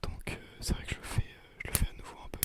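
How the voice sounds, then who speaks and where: Talking fast in a breathy whisper, a young ASMR creator chats casually with his viewers, rambling, hesitant, and self-deprecating. The mic is close and sensitive, so breath puffs and the odd bump come through.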